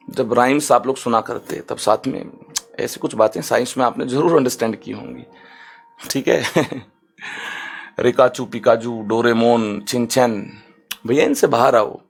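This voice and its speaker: Man, chemistry teacher, gravelly voice, mid pitch, lively lecture, slow careful definitions, checks in with students. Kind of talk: online lecture.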